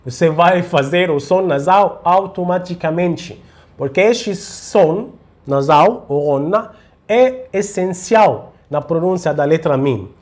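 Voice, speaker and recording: A man teaching Quran recitation in a slow tutorial, patiently repeating syllables for the learner to follow. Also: sits high, animated, darkish tone.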